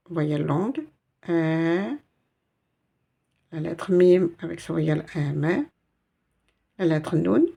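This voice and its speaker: A woman with a low, creaky, mellow voice and a breathy edge teaches Arabic reading in French. She goes step by step, patiently explaining every letter and its sound.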